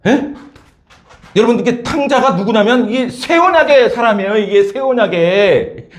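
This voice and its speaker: A male preacher retells a parable with animated storytelling. His voice sits high and swings widely, and he keeps calling on his listeners. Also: normal speed. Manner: animated storytelling, frequent "예?" and "여러분". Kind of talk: sermon.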